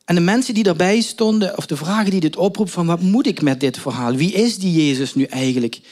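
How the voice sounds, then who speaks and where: A man gives a story-driven sermon, and his voice sits a little higher than most men's. He retells the scene with emphatic questions and small hesitations as he reflects on it. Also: fairly quick, darkish tone. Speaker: preacher.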